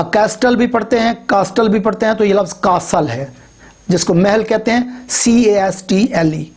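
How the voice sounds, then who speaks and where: A middle-aged man teaching English pronunciation in a video lecture, slowly spelling out words letter by letter with frequent hesitant fillers. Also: high voice, a little mellow.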